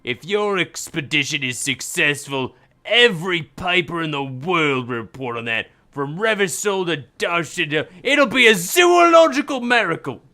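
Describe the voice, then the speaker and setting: A man puts on a fervent male cryptozoologist from a video game, stubborn and emphatic. His delivery is fairly high and sharply forceful, declaiming each point. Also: sing-song, normal speed, full character voice. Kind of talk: game dialogue read aloud.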